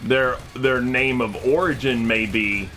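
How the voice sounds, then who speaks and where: A man from America chats loosely over his game stream, rambling through thoughts with plenty of "you know" and "uh". His voice has a bright, forward edge, with faint guitar music playing underneath. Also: mid-range voice, fairly even intonation, a little slow. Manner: rambling, chatty, with many fillers. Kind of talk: casual chat while gaming.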